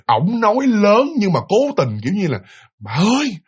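A man telling a ghost story in an animated, chatty way, addressing his listeners directly. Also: high voice, normal speed, slightly rough, highs cut off. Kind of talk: spoken ghost story narration.

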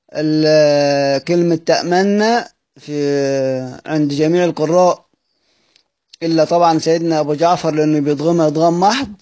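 A man's voice: a little high, a little mellow. A man with an Egyptian accent teaching a recorded lesson, explaining step by step and putting questions to his students before he answers them. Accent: Egyptian Arabic. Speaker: Quran recitation teacher. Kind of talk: recorded study-circle lesson.

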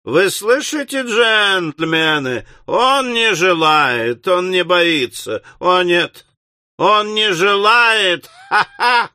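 A man's voice: high-pitched, animated, sharp tone, smooth, no echo, clean studio sound, pitched above the performer's own voice, full character voice. A man voicing a scornful, mocking male newspaper editor who draws out his taunts, in an audiobook. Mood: jeering. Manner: sneering, drawn-out taunts.

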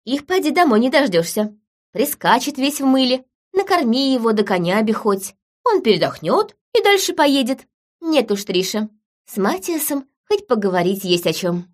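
A woman reading an audiobook, voicing a cheerful, chatty young niece in a lively, higher voice. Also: normal speed. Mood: playful. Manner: bright, lively and playful.

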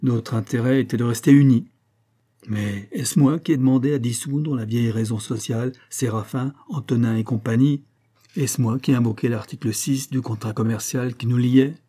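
A man's voice: medium pitch, moderate pace, warm tone, lightly acted. A man reading aloud and voicing a fickle, talkative young wife in a raised, lighter voice. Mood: coaxing.

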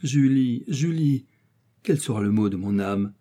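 A man's voice: medium pitch, expressive, unhurried, mellow. A man reading the part of a young exiled nobleman, declaiming his love and pleading with passion in a storybook reading. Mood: passionate.

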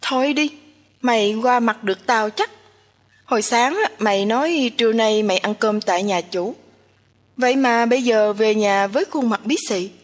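A woman's voice: on the high side, moderate pace, close to an everyday voice. A woman voicing a nosy, teasing young woman who talks in a bossy, chatty way. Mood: coaxing. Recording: long hall reverb.

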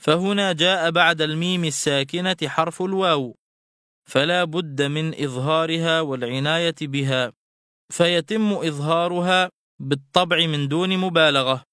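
A man teaching Quran recitation rules in a formal radio lesson, drawing out examples slowly and with measured care. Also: fairly high pitch, pushed and bright, no echo, clean studio sound. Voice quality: smooth, clear voice.

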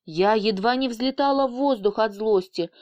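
Smooth-voiced woman narrating a novel. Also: fairly high pitch, moderate pace, a little mellow, dull audio. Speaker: audiobook narrator. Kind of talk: first-person audiobook narration.

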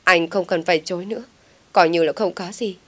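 A woman's voice: on the low side, steady tone, a little fast, close to an everyday voice. A woman voicing a scheming young female teacher who feigns being the victim with tearful pleading. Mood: pleading, sobbing.

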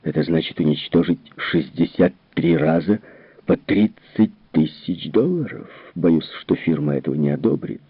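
Casting: a man doing a cautious company scientist, low and measured, audiobook reading, tinny. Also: lively intonation, slightly rough, dry recording, exaggerated voice. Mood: reluctant. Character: cautious, grimacing male company mathematician. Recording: tinny narrow-band recording.

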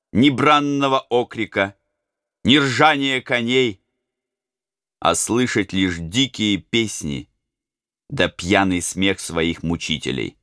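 A man's voice: low voice, smooth, no room sound, studio quality. A man reading a historical novel aloud as a dramatic audiobook narrator. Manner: dramatic, expressive. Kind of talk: scripted narration.

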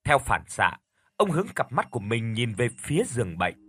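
A man narrating a story in an expressive, dramatic way. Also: medium pitch, normal speed, husky. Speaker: audiobook narrator.

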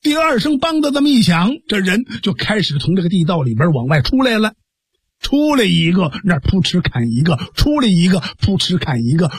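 A man narrating a traditional Chinese storytelling piece in a lively, dramatic manner with vocal sound effects. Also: high voice, a little fast, slightly rough, dry recording.

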